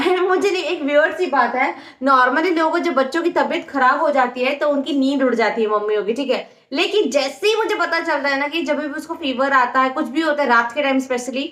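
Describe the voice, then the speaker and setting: Chatty young woman with a high voice in an echoey room. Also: brisk, few pauses, a bit bright. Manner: chatty, mixes in English words, talks to viewers as "guys". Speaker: vlogger. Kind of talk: casual vlog chat.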